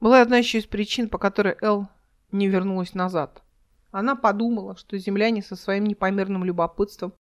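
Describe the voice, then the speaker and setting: Woman, audiobook narrator, sci-fi story, measured even reading, light dialogue voices. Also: medium pitch. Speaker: author reading her own audiobook.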